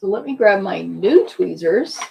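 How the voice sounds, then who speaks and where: Woman craft instructor, hoarse and gravelly, chatty hands-on demo delivery. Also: medium pitch, animated, measured pace, darkish tone, a little hiss or hum. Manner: chatty, hands-on explaining while working. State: losing her voice. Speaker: card-making instructor. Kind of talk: live craft demonstration.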